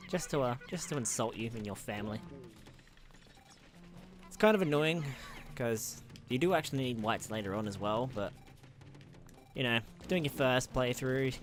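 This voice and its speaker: A man giving casual, chatty commentary while playing a video game, muttering to himself, swearing freely and sounding exasperated at the game. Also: medium pitch. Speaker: let's play gamer.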